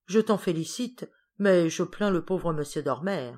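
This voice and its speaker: A woman's voice: lowish voice, animated, measured pace, darkish tone. A woman voicing a cool society lady who answers dryly and curtly.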